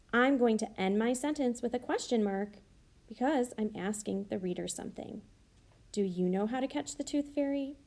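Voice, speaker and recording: A woman teacher slowly modeling how to write sentences for young children, thinking aloud and sounding out each word. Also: mid-range voice, creaky, dark tone. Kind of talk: slow modeled writing demonstration.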